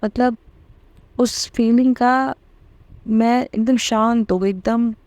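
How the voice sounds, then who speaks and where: Devout woman sharing, warm mellow voice. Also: on the high side, steady tone, slow, no room sound. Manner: emotional, repeating words of thanks softly. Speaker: devotional satsang host. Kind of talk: devotional testimony talk.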